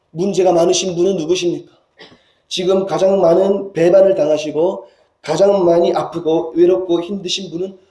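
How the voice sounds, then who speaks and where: A man preaching a sermon as senior pastor, moving between hushed pleading and loud, fervent cries. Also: high-pitched. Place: church sanctuary. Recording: roomy church hall sound.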